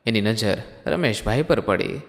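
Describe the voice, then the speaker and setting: A man's voice: lowish voice, expressive, a little slow, long reverb tail. A man narrating an emotional story in a dramatic manner, often addressing the listeners as friends.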